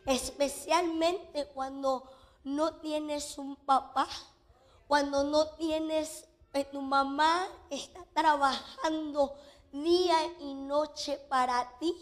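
Woman, middle-aged, church testimony, high voice, unhurried, emotional storytelling. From Mexico. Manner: emotional storytelling with restarts, mixing in English fillers. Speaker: testimony speaker to a congregation.

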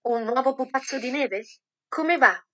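A woman voicing a lively, cheerful squirrel in a storybook, bouncy and excited. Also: high-pitched, unhurried, exaggerated voice.

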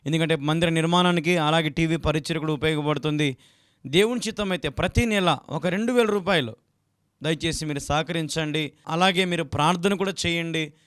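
A man's voice: on the high side, clean tone, no room sound, studio quality. A young man from Andhra Pradesh, a pastor giving a televised sermon, pleading earnestly and repeating filler words as he asks viewers for support. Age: young adult. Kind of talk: televised sermon with donation appeal.

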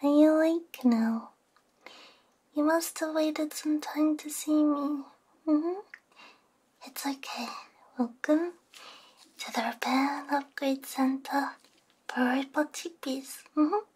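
Speaking slowly and leaving long pauses, a young woman with a high voice whispers through a calming ASMR roleplay. Soft hums accompany her hushed delivery, recorded up close on a binaural mic.

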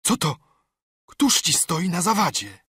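A man's voice: on the high side, measured pace, breathy edge, no echo, studio quality, voice pushed up, full character voice. A man voicing a half-mad marooned castaway who is eager, wheedling and keeps repeating himself. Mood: excited. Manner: excitable, pleading, repeats himself.

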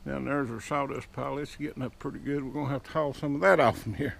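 Speaking quickly in a mid-range, gravelly and slightly bright voice with a steady tone, a sawmill owner shows off his yard outdoors on a casual walkaround. His folksy country talk, double negatives included, is captured by an action camera strapped to his head.

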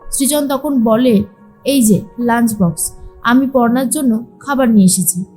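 A woman's voice: fairly high pitch, unhurried, mellow, breathy edge, soft background music. A woman narrating a recap of a TV serial, retelling the scenes and quoting each character's lines with light voice shifts.

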